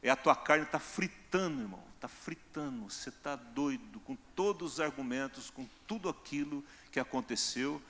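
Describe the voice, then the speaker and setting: A man's voice: medium pitch, moderate pace, hardly any pauses, fairly bright tone. A male pastor, preaching in a conversational way and acting out everyday scenes. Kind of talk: sermon. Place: church.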